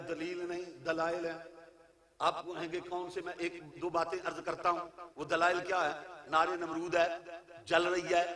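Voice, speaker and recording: A man preaching a sermon with a Pakistani Urdu accent, reciting verses and building to loud repeated refrains. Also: on the high side. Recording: roomy echo from a distance.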